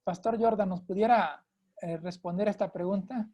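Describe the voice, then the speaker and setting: A woman with a Mexican Spanish accent, leading a church Bible lesson and putting questions to the pastor in a measured way, with brief hesitations. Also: mid-range voice, dull audio. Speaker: lesson moderator. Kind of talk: Sabbath school lesson discussion.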